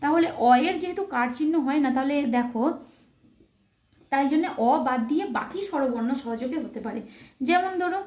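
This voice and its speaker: A woman's voice: sits high, brisk, a little mellow, reverberant. A woman teaching a recorded grammar lesson, patiently spelling words out letter by letter and checking understanding with short questions. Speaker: Sanskrit teacher.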